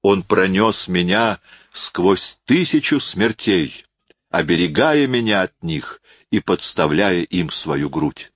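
A man's voice: sits low, lively intonation, slow, dry recording, heavily acted. A man reading an audiobook, voicing an impassioned, insistent young man who speaks in emphatic exclamations. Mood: passionate.

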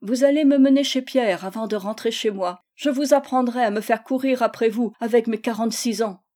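Woman doing a bossy jolly baroness, high. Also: fairly quick, dark tone, close to an everyday voice. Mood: gleeful, scolding. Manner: bossy, teasing, commanding.

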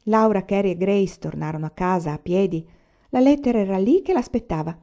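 A woman reading a novel aloud in a steady, even storytelling manner. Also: medium pitch, brisk, dull audio. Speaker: audiobook reader.

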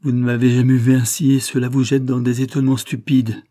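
A man's voice: mid-range voice, steady tone, moderate pace, mellow, no echo, studio quality, natural voice. A man reading an audiobook and voicing a passionate young society woman who speaks with vehemence, first pleading, then scornful.

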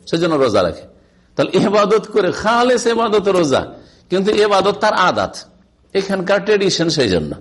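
A middle-aged man teaching a religious lesson, his voice sitting a little higher than most men's. He keeps putting rhetorical questions to his listeners and breaks off to recite Arabic passages before explaining them. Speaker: Islamic scholar teaching hadith. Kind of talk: religious lecture.

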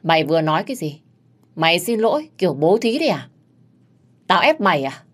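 A woman's voice: fairly low pitch, expressive, fairly quick. A woman playing a fierce hot-tempered servant girl. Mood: demanding. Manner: threatening, rough-spoken.

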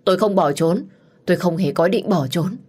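A woman's voice: fairly low pitch, brisk, darkish tone, husky. A woman voicing an anguished young male gang boss who pleads and speaks bitterly, as an audiobook character.

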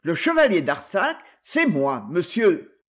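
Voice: mid-range voice, sing-song, fairly bright tone. A reader putting on a haughty indignant nobleman. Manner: haughty, quick to outrage. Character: proud indignant nobleman, adult man. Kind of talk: audiobook character voice.

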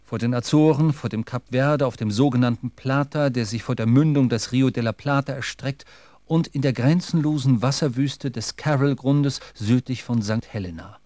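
A man narrating a radio drama in a measured, literary storytelling manner. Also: mid-range voice, dark tone, dry recording.

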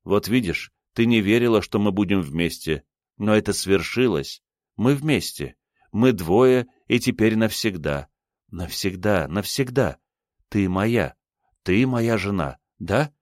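A man's voice: lowish voice, lively intonation, measured pace, no room sound, clean studio sound. A man reading an ardent, fervent lover. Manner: fervent, repeating vows insistently.

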